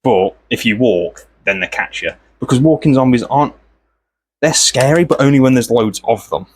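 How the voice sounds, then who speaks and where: A man, host of an art channel, chatting casually and meandering from thought to thought while he works, often clearing his throat. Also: mid-range voice, animated, moderate pace.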